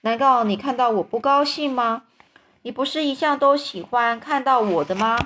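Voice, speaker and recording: A woman's voice: a little high, normal speed, a bit bright, lightly acted. A woman voicing an innocent young daughter who pleads tearfully with her father in a storybook reading. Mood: sweet.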